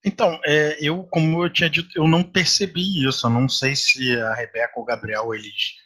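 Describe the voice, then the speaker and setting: Husky, bright-toned man speaking thoughtfully. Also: a little high, fairly even intonation. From Brazil. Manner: measured, thoughtful, often rephrasing himself. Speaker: podcast guest. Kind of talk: reflective conversation.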